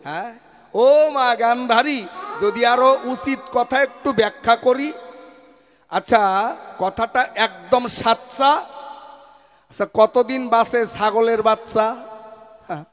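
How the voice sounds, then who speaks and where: A man's voice: very high-pitched, slow, pauses often, fairly bright tone, long reverb tail. A man with a performing a stage folk verse debate, declaiming in rhyme and breaking into song. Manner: declamatory, rhyming, slipping into song.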